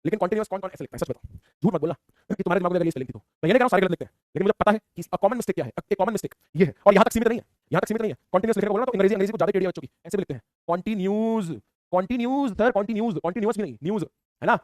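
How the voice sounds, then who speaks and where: A high-voiced man rattling through a class at top speed, teasing students with "है ना" after almost every line. He sounds like a teacher talking close to the mic in a dry room with no echo. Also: animated, rapid-fire, darkish tone. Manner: teasing, playful, repetitive tag questions. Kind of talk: fast online class lecture.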